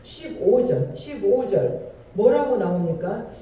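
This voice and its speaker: A man's voice: high-pitched, very animated, takes it slowly, dark tone, dull audio. A male pastor preaching a Sunday sermon in a church, asking the congregation questions and stressing his points with emphasis. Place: church sanctuary. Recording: echoey hall from far off.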